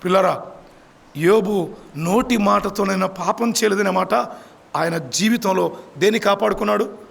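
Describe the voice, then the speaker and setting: A man's voice: high voice, normal speed, gravelly, fairly bright tone. A man preaching, emphatic and constantly questioning his congregation. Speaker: pastor. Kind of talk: sermon. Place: church.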